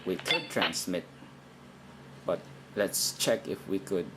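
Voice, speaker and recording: Speaking slowly in a deep voice, a man gives an unscripted, practical demonstration of programming a radio, hesitating as he reasons aloud. Constant background noise runs through this noisy amateur recording.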